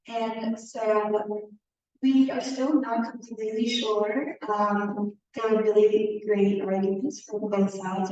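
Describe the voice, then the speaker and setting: A woman's voice: mid-range voice, mellow. A young woman from Wisconsin, a student answering audience questions with many hesitant ums. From Madison, Wisconsin. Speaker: student presenter. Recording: roomy, distant, dull recording.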